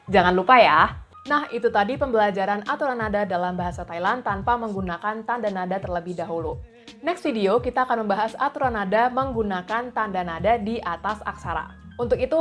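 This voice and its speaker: A patient woman teaching a lesson, her voice at an ordinary middle pitch. She explains each rule step by step and repeats example syllables slowly for learners to copy. Faint music plays softly under her voice. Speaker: language teacher.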